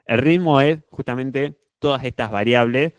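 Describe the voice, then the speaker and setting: A young man with a Rioplatense Spanish accent runs an online public speaking workshop, often shifting his volume and pitch to demonstrate. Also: normal speed, dry recording.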